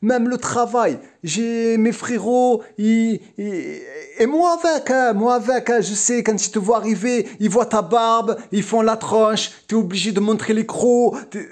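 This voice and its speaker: Male vlogger, high voice, agitated and repetitive. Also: a little slow, darkish tone. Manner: agitated, repetitive, frequent restarts. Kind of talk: heated vlog monologue.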